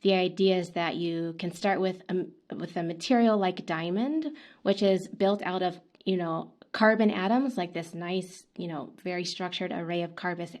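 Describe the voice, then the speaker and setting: A woman's voice: fairly low pitch, steady tone, normal speed, darkish tone. A woman co-hosting a science podcast in an upbeat, chatty way, with many fillers and restarts. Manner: upbeat, lots of fillers and restarts, laughs often. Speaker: podcast co-host.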